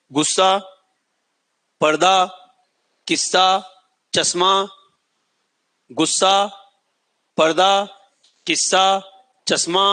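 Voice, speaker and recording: A man's voice: high-pitched, sharp tone. A middle-aged male coaching teacher giving a classroom lecture, dictating notes, repeating key words and often asking students whether they remember. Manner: sings a film line as an example.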